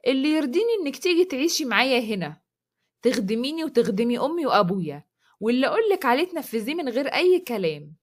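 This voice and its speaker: A woman's voice: high voice, sing-song, rapid-fire. A woman voicing an arrogant, cruel man who orders his wife around, in an Egyptian Arabic accent and a scornful, commanding manner. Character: arrogant cruel young man, domineering husband.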